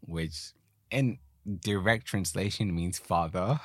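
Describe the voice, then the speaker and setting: A man talking openly as a guest in a relaxed conversation. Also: low-pitched, takes it slowly, no echo, studio quality. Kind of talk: casual conversation.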